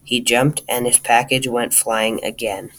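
A man reading a children's storybook aloud, talking straight to the listener in a lively way. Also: mid-range voice, a little slow, a little hiss or hum, low-quality recording. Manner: lively, addresses the listener directly.

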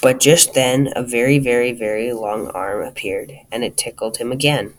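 A man reading a children's storybook aloud, talking straight to the listener in a lively way. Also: mid-range voice, normal speed, slight background noise, low-quality recording. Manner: lively, addresses the listener directly.

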